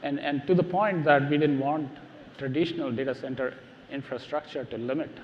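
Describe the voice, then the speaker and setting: A middle-aged man gives a technical keynote on a large, dark stage before a seated live audience, speaking emphatically and repeating words as he starts sentences. His medium-pitched voice is steady and fairly quick. The hall reverb is roomy, with dull sound, faint ambience and a little hiss or hum.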